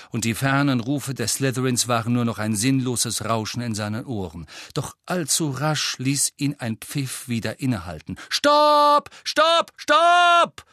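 A man narrating an audiobook in a lively, expressive reading style. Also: mid-range voice, no room sound, studio quality. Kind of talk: scripted narration.

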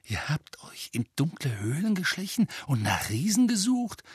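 A man plays an eager teenage schoolboy wizard, full of curious questions. The slightly husky voice sits dry and close to the mic. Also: on the high side, fast talker, dry recording, pitched above the performer's own voice.

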